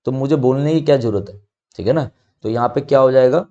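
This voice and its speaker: A man with an Indian accent teaching an exam-prep English grammar lesson, reading example sentences slowly and checking in with rhetorical questions. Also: medium pitch, warm tone, dull audio. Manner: explains step by step, reads example sentences slowly.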